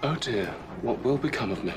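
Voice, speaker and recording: A man's voice: medium pitch, lively intonation, normal speed, natural voice. A man playing a sardonic, charming male devil who speaks with dry sarcasm, in a TV series clip. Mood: sarcastic. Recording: loud music under the dialogue.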